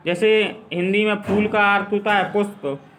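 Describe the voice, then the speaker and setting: A man teaching a school grammar lesson, explaining slowly and repeating his examples. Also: high-pitched, fairly even intonation, a bit bright, slight background noise, low-quality recording.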